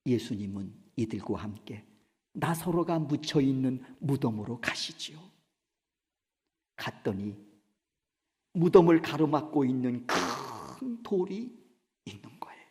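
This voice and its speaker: Animated male pastor in an echoing church. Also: medium pitch, takes it slowly, long pauses. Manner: dramatic swings between loud cries and hushed whispers; asks the congregation questions. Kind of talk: Sunday sermon. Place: church sanctuary. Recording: reverberant church hall.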